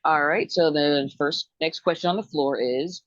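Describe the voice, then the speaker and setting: A woman hosting a dating show over a call, her voice low and steady. She keeps things brisk and upbeat, calling each guest in turn. The audio is dry and a little dull. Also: no room sound.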